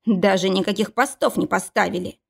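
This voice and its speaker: A woman's voice: medium pitch, fairly even intonation, brisk, gravelly. A woman voicing the narrator, a worried young male bodyguard, indignant and insistent in an audiobook. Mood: uneasy.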